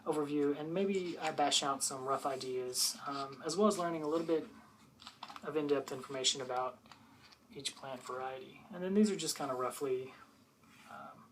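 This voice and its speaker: A person doing an ASMR role-play as a patient, bookish librarian, softly and hesitantly explaining books to a visitor in a unhurried library soft voice. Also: medium pitch, slight background noise, poor audio. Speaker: librarian showing gardening books.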